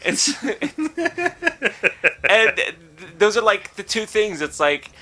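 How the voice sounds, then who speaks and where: A man's voice: sits high, slow pace, bright, forceful tone. A young man on a casual gaming podcast, telling a story with lots of swearing and laughter. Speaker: podcast co-host.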